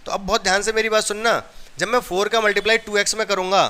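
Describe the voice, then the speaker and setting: A man's voice: high-pitched, little pitch movement, quick pace, sharp tone. A man from India teaching a maths class, explaining each step and often checking that the students have understood.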